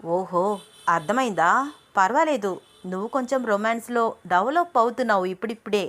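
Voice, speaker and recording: A woman's voice: mid-range voice, fairly quick, a bit bright, natural voice. A charming young husband, romantic and teasing, coaxing his shy wife in a storybook romance, as a female narrator reads him. The delivery stays close to her own medium voice.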